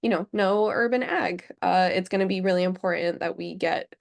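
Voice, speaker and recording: A woman's voice: fairly low pitch, moderate pace, gravelly. A woman, sounding sick, giving an earnest working group update at an online meeting with many fillers. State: sick, under the weather.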